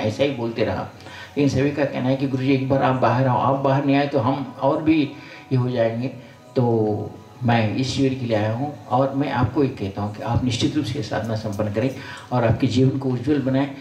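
Here an older spiritual teacher delivers a homespun sermon to an assembled crowd, switching between blessings and reprimands. His voice sits in the mid range with a somewhat dark tone. The recording sounds roomy, captured from a distance.

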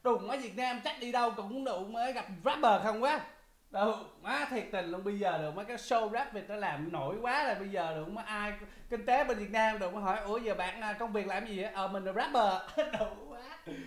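A high-pitched, brisk man hosts a reaction video, exclaiming often, laughing, and repeating lines from a rap song in excited commentary. The room is echoey, with hip hop music playing in the background.

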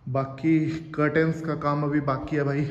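A man's voice: fairly high pitch, level tone, moderate pace, dull audio. A young man gives a casual walkthrough of his gym, chatting to viewers as brother and filming on a phone at arm's length. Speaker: gym owner and fitness vlogger. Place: large indoor gym. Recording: reverberant gym hall with faint ambient noise.

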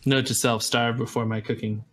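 A man chatting on a gaming podcast in a medium-pitched voice, laid-back and quick to poke fun at himself. He laughs often as the jokes go around. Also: flat delivery, a crowd in the background. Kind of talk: casual gaming podcast chat.

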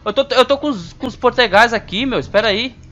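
A man's voice: extremely high pitch, a little fast, fairly bright tone. A man giving casual, jumpy let's-play commentary on a horror game, talking back to the game in slang. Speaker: gamer playing a horror game. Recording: slightly dull home recording with faint noise.

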